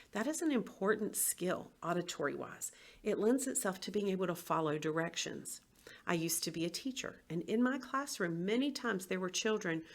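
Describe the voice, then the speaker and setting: Low gravelly woman giving a talk. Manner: explanatory, acts out tones of voice. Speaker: former teacher presenting for a biofeedback clinic. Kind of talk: educational presentation.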